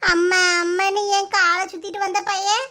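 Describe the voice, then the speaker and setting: A dramatic old village mother-in-law with a piercing, very high voice, as a woman acts her out in a cartoon. She scolds loudly and wails with self-pity, in a Kanyakumari Tamil accent. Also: flat delivery, normal speed. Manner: loud, wailing and self-pitying. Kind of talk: cartoon voice acting.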